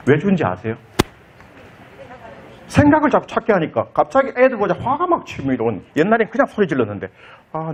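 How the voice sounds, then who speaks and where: A man giving an animated counseling lecture at a conference, acting out quoted lines in different voices. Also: a little high, highs cut off. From South Korea. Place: lecture hall.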